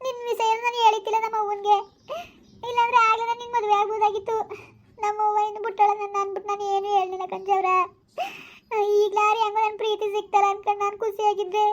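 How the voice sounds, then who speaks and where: A woman's voice: very high voice, little pitch movement, fast talker. A woman voicing a tearful, regretful pregnant village wife, wailing and lamenting in sobs, on a slightly dull lo-fi recording. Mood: sobbing.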